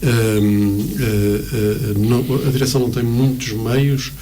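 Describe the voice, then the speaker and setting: A man's voice: mid-range voice, little pitch movement, a little slow, mellow. A middle-aged man with a European Portuguese accent, a teacher explaining conversationally, searching for words and repeating them for emphasis. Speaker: teacher, guest in discussion. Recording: clear background room noise.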